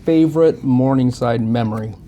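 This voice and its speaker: Mellow-voiced man co-hosting a chat. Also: mid-range voice, normal speed, highs cut off. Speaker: co-host. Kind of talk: casual interview chat.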